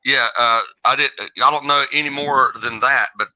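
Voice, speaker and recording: A man's voice: medium pitch, fairly even intonation, normal speed, bright, forceful tone. A man chatting casually as a livestream guest, in a folksy, informal manner. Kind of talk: casual chat. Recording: dull lo-fi call audio.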